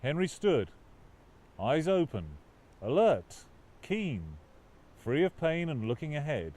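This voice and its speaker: Speaking slowly with a voice on the high side, a man reads his own novel for an audiobook. The scripted narration is expressive and dramatic in a literary style.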